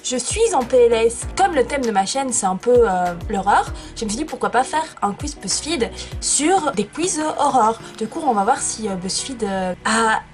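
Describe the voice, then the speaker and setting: Young female vlogger, playful and self-deprecating, slightly high voice, casual chat from her bedroom. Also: lively intonation, moderate pace, soft background music. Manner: chatty, self-mocking, playful. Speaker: YouTuber.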